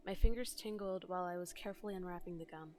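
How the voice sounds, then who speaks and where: Over game music on her stream, a woman reads game dialogue aloud and translates it, narrating dramatically. Her voice is low-ish, mellow and fast.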